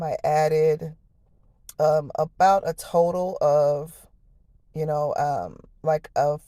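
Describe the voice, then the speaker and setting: An American woman with a hoarse, low, harsh voice gives a casual, folksy cooking voice-over, chatting straight to her viewers. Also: mellow, no echo, studio quality. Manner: folksy, chatty, addresses viewers as y'all and honey. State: hoarse, voice lost from the night before. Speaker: home cook, vlog host.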